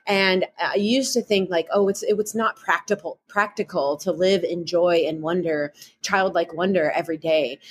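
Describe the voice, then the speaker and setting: Woman, Midwestern accent, slightly low voice; cheerful, chatty podcast guest. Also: husky. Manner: upbeat, chatty, frequent "like", laughs often. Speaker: guest author and meditation guide. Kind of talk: podcast interview.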